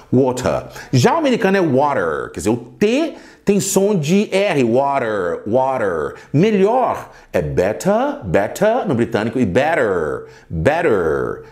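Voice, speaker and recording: A man giving a podcast English lesson, demonstrating words slowly and repeating them. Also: fairly high pitch, a little mellow. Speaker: English teacher.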